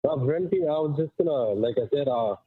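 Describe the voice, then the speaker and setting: A man's voice: medium pitch, expressive, quick pace, slightly rough, no room sound. Muffled man on a phone line, as through a wall. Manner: rambling, emphatic, full of fillers. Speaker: caller. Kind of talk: casual call-in chat. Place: walking outdoors while calling.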